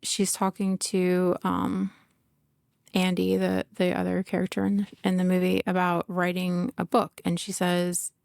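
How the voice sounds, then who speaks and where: A woman's voice: fairly low pitch, monotone, measured pace, gravelly, darkish tone, no echo, clean studio sound. A middle-aged woman hosting a podcast in casual solo talk, candid and emotional, laughing often and swearing, full of "like" fillers. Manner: emotional, confessional. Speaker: podcast host.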